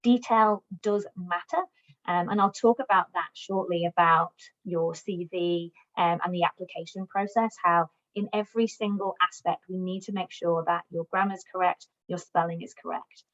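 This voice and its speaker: Through a dull, lo-fi recording comes a woman's fairly low, steady voice at normal speed with a fairly bright tone. She works as a customer success manager for a recruitment platform and gives migrants a friendly, encouraging job search talk; English is her first language, and she also speaks Welsh.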